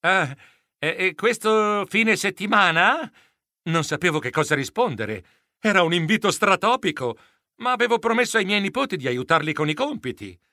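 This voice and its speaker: A man narrating a children's storybook in the first person as a fussy, flustered mouse editor, in an animated, comically flustered manner. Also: fairly high pitch, a little fast, no room sound, studio quality. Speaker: audiobook narrator.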